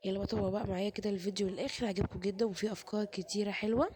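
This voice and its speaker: A hoarse woman with an Egyptian accent, chatting to her viewers while cooking in a home kitchen. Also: medium pitch, fairly even intonation, rapid-fire, background noise. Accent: Egyptian Arabic. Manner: chatty, addresses viewers directly. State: hoarse, sore chest, fasting. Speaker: cooking vlogger. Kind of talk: casual chat narrating cooking.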